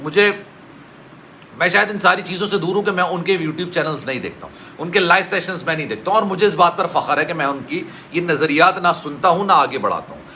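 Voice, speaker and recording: A man's voice: high-pitched, sharp tone, a little hiss or hum. A man from Pakistan, hosting a news vlog and talking earnestly and formally, often addressing the viewer as "sir". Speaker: news vlogger. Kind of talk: news commentary monologue.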